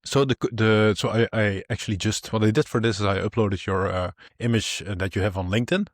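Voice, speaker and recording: A man with a low voice co-hosts a relaxed tech podcast. He explains in a loose, rambling way with many fillers. The sound is dry and close to the mic. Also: fairly quick, no echo. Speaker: podcast co-host. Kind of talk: casual tech podcast chat.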